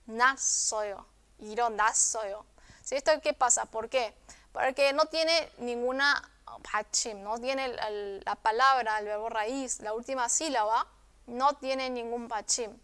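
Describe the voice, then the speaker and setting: A woman teaching a recorded video lesson, patient, often checking in with the viewer and repeating words slowly. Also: a little high, a bit bright, clean tone. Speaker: language teacher.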